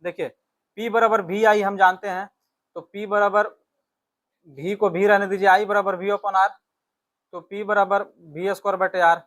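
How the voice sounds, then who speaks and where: This teacher, a man with an Indian accent, goes through physics exam questions, repeating key phrases and checking in with short tags. His voice sits high and a bit bright, with a level tone, a slightly slow pace and long pauses.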